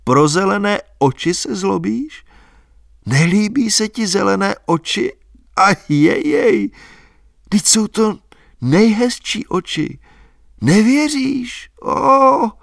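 A wild, passionate young peasant girl, put on by a male reader, who teases in a high, bubbly, drawn-out voice. Her words stretch and climb as she presses on. The sound is close and dry, with no room around it. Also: big pitch swings, gravelly, fairly bright tone, no echo, full character voice. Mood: teasing.

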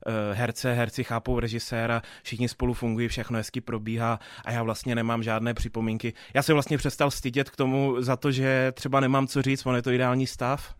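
A young man answers interview questions about his work in theatre, hesitating often and restarting sentences. His pitch stays fairly even and flat. The recording is close and dry, with no room sound. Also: hardly any pauses, clean tone, no echo. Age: 20s. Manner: thoughtful, hesitant with many fillers and restarts. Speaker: theatre dramaturg.

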